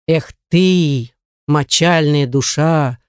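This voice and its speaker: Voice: mid-range voice, lively intonation, measured pace, darkish tone, dry recording, clean studio sound, lightly acted. A reader voicing a curt, commanding middle-aged male butler in an audiobook, speaking brusquely to servants. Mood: impatient. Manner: brusque, impatient. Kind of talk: audiobook character reading.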